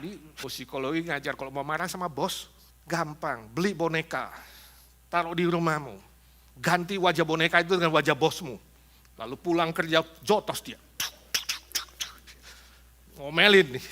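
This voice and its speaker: A man preaching a sermon to a congregation, animated and humorous, acting out little quotes as he goes. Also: fairly high pitch. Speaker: pastor. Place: church in Los Angeles.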